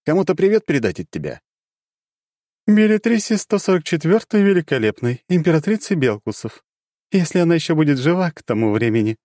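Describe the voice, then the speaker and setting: A man voicing a playful, sly and powerful dark goddess in an audiobook. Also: a little high, big pitch swings, a little fast, no room sound, clean studio sound, pitched above the performer's own voice. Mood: wry. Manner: teasing and giggly, turning grave. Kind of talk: audiobook character voice.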